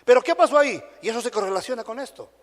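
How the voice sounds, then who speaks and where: A man's voice: very high voice, racing. A man with a Dominican Spanish accent preaching a sermon to a congregation, often checking in with short questions like "right?". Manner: animated preaching, frequent tag questions to the congregation. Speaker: pastor. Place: church sanctuary. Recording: long hall reverb.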